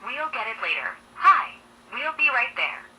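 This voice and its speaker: Woman, doorbell speaker playback, prerecorded quick reply, courteous, somewhat high, lively. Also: rough recording. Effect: prerecorded quick reply played through a doorbell speaker. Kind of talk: polite canned doorbell message.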